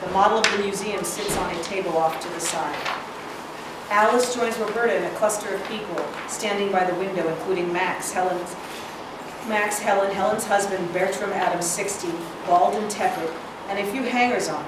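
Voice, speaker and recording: A medium-pitched woman reads stage directions at a moderate pace, serving as the scripted narrator of a screenplay reading. The distant mic in the indoor hall catches echo and clear noise.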